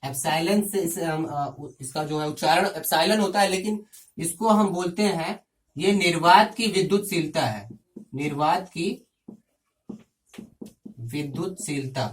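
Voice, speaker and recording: A man teaching a physics lesson step by step, often pausing to check in with his students. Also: on the high side, far from the mic, slight background noise. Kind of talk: classroom lecture.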